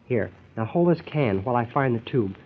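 An actor playing an exasperated, scheming husband, bossy and impatient, in the style of old-time radio comedy. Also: male voice, mid-range voice, animated, moderate pace, a little hiss or hum, close to an everyday voice. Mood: grumbling, hushed irritation. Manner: impatient, bossy, hushing and cajoling. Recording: dull, lo-fi old radio recording.

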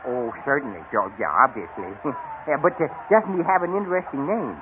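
A man's voice: on the high side, very animated, a little fast, background noise. A man playing a timid, stammering, giggly family man in a 1940s radio drama. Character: meek timid middle-aged family man. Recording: tinny old radio broadcast.

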